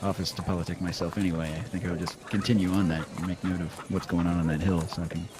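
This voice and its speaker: A man's voice: deep voice, little pitch movement, fast. A man playing in a tabletop game, thinking aloud as he plots his moves, over a noisy recording. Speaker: player. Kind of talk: casual tabletop game talk. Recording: noisy home podcast recording.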